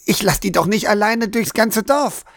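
A man voicing an anxious, protective boy in an audiobook, raised in pitch and stammering. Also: takes it slowly, dry recording, clean studio sound. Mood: agitated. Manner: stammering, agitated.

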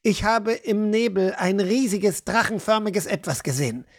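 A woman reading an audiobook, voicing a burdened male guard captain in a lowered, hesitant, serious voice. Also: expressive, normal speed, natural voice.

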